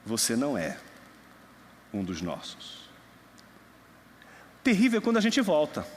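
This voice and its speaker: A young man from Brazil preaching a sermon, moving between quiet storytelling and loud, emphatic passages. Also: on the high side, huge pitch swings, a little slow, a little hiss or hum. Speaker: pastor. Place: church hall. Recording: long hall reverb.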